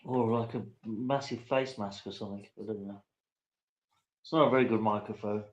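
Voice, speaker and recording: A man's voice: lowish voice, steady tone, moderate pace, muffled recording. A man with a British accent chatting casually, with a blunt, insistent way of talking. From Britain. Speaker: guest on a live open-topic stream. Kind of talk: casual chat.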